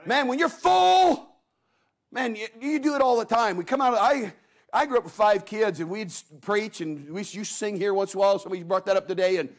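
A man's voice: high voice, a little fast. A man preaching a folksy sermon in a church, telling stories and acting out the voices of people in them. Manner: folksy storytelling preacher, acts out voices of Bible figures. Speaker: guest preacher.

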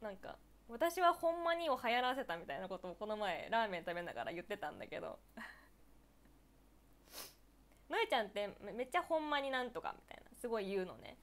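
A woman's voice: mid-range voice, animated. A young woman in her twenties from Niigata, chatting casually on her own live stream, answering viewer comments and giggling often. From Niigata, Japan. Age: 20s. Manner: giggly, laughs often between phrases; chatty and playful, quick reactions.

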